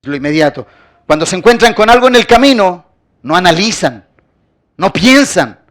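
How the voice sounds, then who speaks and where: A man preaching a sermon as pastor, building his points with rhetorical questions and emphatic repetition, often dropping quiet at the end of a phrase. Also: high voice, sing-song, moderate pace.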